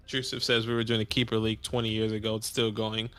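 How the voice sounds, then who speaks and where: A man's voice: on the low side, level tone, fast, fairly bright tone, clear, resonant tone, soft background music. A man in his late twenties co-hosting a casual livestream, laid-back and chatty. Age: 20s. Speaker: co-host.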